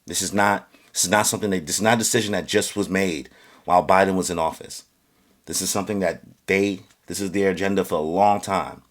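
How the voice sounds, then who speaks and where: Fairly even in intonation, a male vlogger gives an earnest opinion rant to camera that halts often with fillers and restarts, his volume and pitch climbing as he gets worked up.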